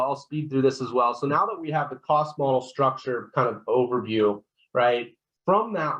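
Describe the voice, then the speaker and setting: A man presenting a software product walkthrough on a webinar. He explains steps one by one, keeps checking in with "right?", and often restarts his sentences. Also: mid-range voice, rough recording. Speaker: solution consultant presenting a software demo.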